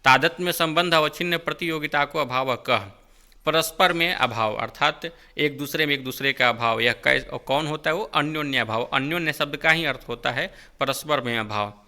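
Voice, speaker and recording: A man's voice: on the high side, moderate pace, bright, forceful tone. A male tutor running an exam-prep lecture, asking questions and answering them himself, correcting himself as he goes. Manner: quizzing, asks then answers, self-correcting.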